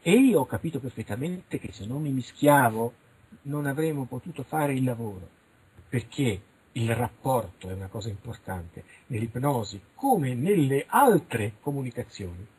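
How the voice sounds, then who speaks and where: Middle-aged man, husky and very rough, animated interview guest. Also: medium pitch, normal speed, low-quality recording. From Italy. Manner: animated, frank, acts out little dialogues. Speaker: interviewed researcher. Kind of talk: radio interview, casual monologue.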